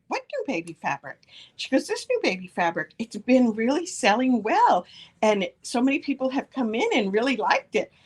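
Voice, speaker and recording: A middle-aged woman hosting a quilt store's product show, chatting casually and gushing over fabrics with frequent giggles. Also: fairly high pitch.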